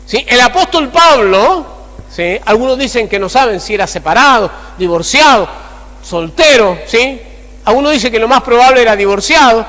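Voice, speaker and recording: A man preaching a sermon as pastor, animated and repeatedly asking the congregation for agreement. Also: very high-pitched, normal speed. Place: church. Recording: long church-hall reverb.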